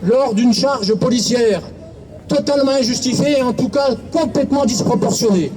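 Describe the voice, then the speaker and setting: A man with a very high, mellow voice gives a formal, oratorical speech at an outdoor protest rally. A faint crowd murmurs behind him. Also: moderate pace, slight background noise. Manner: oratorical, formal, quoting writers. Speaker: protest speaker.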